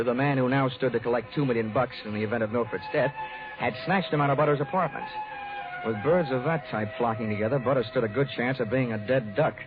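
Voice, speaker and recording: A male actor with a medium-pitched, lightly acted voice plays a wisecracking hardboiled private eye narrating his case in 1940s radio style, firing off dry, wry, clipped quips. The recording is narrow and tinny, with music, like an old radio broadcast.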